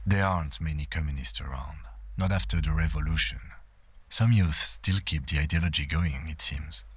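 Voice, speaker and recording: An actor playing a calm, reserved police lieutenant in a video game, speaking in measured understatement. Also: male voice, rumbling low, slightly rough. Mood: dry, measured.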